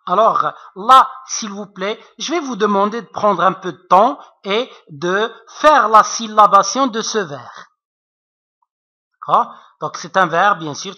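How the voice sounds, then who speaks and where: A male teacher explains poetry slowly, his bright, forward voice stopping on fillers and checking in with his students. The sound is dull and lo-fi, with little top end. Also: high-pitched, husky. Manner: hesitant, many fillers, keeps checking understanding. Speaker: French literature teacher. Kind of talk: recorded online lesson. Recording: dull lo-fi recording.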